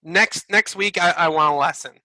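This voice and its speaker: A young man co-hosts a casual podcast with a high, very bright voice. He talks in an animated way and laughs quickly. The sound is close and dry. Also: no echo. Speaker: podcast co-host. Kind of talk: casual chat.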